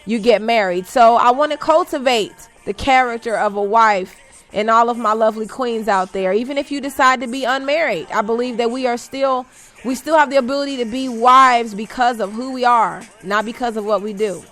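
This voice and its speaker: A woman's voice: fairly high pitch, a little fast, fairly bright tone, soft background music. A woman hosting an inspirational talk radio show, upbeat and teasing, who sometimes stumbles over words and corrects herself. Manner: upbeat, teasing, laughs at own jokes.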